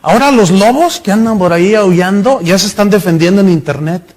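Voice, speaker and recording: A man's voice: high-pitched, a little fast, darkish tone. A middle-aged male pastor preaching a sermon, telling stories and acting out the voices in them. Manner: storytelling preacher, acts out voices in anecdotes.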